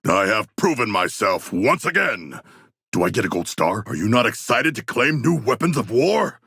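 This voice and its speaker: King Shark, gravelly, earnest shark warrior. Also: fairly low pitch, sing-song, normal speed, bright, forceful tone, no echo, studio quality, heavily acted. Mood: earnest, proud. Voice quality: gravelly, rough. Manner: formal, grandiose, stiffly earnest diction. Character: hulking humanoid shark warrior, earnest, formal, proud and zealous. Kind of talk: video game character voice lines.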